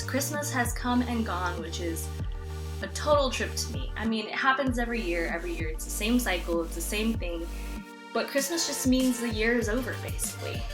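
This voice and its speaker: Chatty woman on a low-quality laptop recording. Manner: chatty, reflective, many "like" fillers. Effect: low-quality laptop webcam recording. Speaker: vlogger. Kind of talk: casual personal vlog. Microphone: built-in laptop microphone. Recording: roomy low-quality laptop audio, loud music behind.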